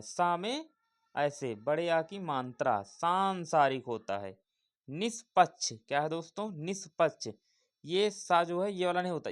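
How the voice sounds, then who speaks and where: A man teaching an exam-prep spelling lesson, repeating each word and asking viewers questions. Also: a little high.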